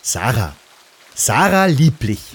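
Small girl in a storybook, hesitant and stammering, lively pitch; male narrator voices her. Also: takes it slowly, husky, heavily acted. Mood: timid. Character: timid but brave little girl.

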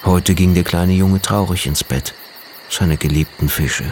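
Low-voiced man reading a children's story. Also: a little slow, slight background noise. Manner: gentle, lively storytelling with many voices.

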